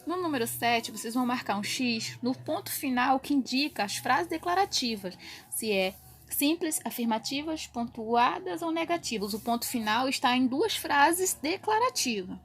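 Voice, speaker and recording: A woman's voice: high-pitched, expressive, normal speed, a bit bright. A woman teacher giving a recorded grammar lesson to young children, explaining step by step and checking in often with her pupils. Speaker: primary school teacher.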